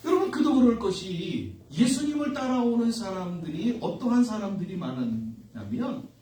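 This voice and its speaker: Male pastor, fervent sermon, very high and wildly swinging voice, church recording from afar with a faint hiss. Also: big pitch swings, normal speed. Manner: impassioned preaching, swinging from shouts to hushed asides; asks the congregation questions and answers them himself. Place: church sanctuary. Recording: roomy echo, distant mic, faint hiss.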